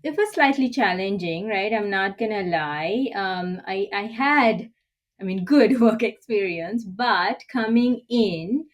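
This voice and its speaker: The audio is dull, carrying a medium-pitched, expressive female voice that takes its time. The speaker, a middle-aged Sri Lankan guest executive coach, responds to interview questions with candid reflection and a habit of tagging "right?" onto her points.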